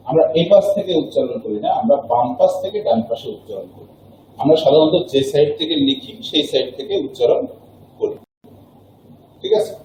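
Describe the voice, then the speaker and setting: A patient male math teacher walks students through a lesson at a digital board, repeating each point and checking they follow. His voice is mellow and slightly high. It rings out in a very echoey classroom, picked up from well away from the mic. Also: distant mic, slight background noise.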